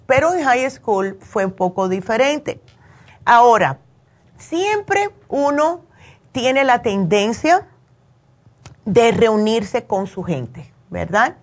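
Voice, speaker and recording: A woman with a slightly high, sing-song voice speaks slowly. Born in Cuba and raised in the United States, she hosts a radio call-in show, chatting through advice and personal anecdotes and often seeking agreement with tag questions.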